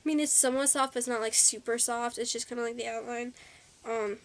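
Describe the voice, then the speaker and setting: Talking fast in a slightly high voice with fairly even intonation, a teen girl hosts a casual haul vlog. She's bubbly and a bit out of breath, using lots of likes and ums, with slight noise in the background.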